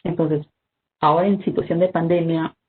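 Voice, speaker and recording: Health instructor, measured explanatory first-aid lesson, mid-pitched voice, thin telephone-quality sound. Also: fairly even intonation. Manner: measured, explanatory, frequent "¿no?" tags and "este" fillers. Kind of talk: online first-aid training talk. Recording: tinny phone-like video call audio with faint noise.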